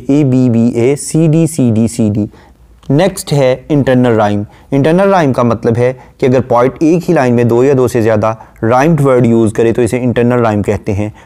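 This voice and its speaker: A man's voice: medium pitch, darkish tone, clear, resonant tone. Lecturing man, explains poetry line by line. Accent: Urdu-inflected Hindustani. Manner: explains line by line, quotes slowly then paraphrases; rapid listing during rhyme scheme drills. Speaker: literature lecturer.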